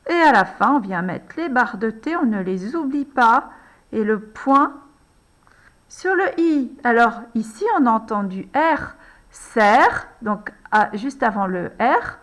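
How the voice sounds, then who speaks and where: A woman slowly and patiently guiding a young child through a handwriting lesson, one letter and one word at a time. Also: fairly high pitch, expressive, a bit bright. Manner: patient, addresses the child as tu, frequent "alors" and "hein". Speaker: handwriting teacher.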